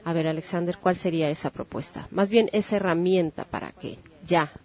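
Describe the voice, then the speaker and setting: A woman, hosting a podcast and briskly steering her guest. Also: fairly low pitch, a little mellow. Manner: brisk, guiding the interview. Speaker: podcast host. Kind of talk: casual podcast talk.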